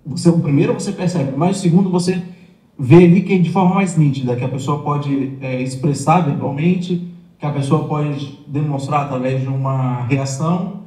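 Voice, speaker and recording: A man recounting his own experiences in a measured, step-by-step way, heard from a played clip. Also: fairly high pitch, dark tone. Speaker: interviewee telling of his life abroad. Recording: echoey room, played clip.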